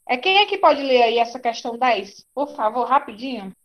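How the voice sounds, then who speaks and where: Brazilian woman, schoolteacher, online lesson, reassuring, high pitch. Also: expressive, moderate pace, highs cut off. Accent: Brazilian Portuguese. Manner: reassuring, repeats "tá certo?". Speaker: teacher. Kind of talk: online class teaching.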